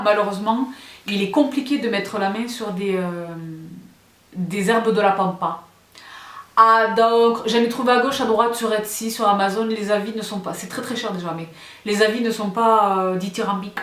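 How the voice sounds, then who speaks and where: A woman's voice: mid-range voice, fairly even intonation, normal speed. A woman vlogging about home decor, chatty and gushing, often checking in with her viewers. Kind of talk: casual show-and-tell vlog. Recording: roomy echo.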